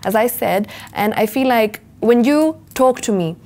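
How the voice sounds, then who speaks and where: A woman's voice: on the high side, lively intonation, a little slow, a little mellow. A young woman from Kenya, speaking as an interview guest in an earnest, reflective way, often adding "you know" and "right?". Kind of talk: casual interview chat.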